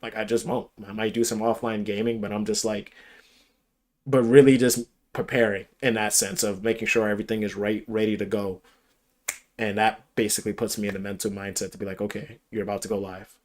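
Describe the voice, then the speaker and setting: Guy w a lowish voice talking thru his stream prep, lots of likes and ums, casual podcast chat. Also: flat delivery, a little fast. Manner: rambling, thoughtful, many fillers. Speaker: streamer guest.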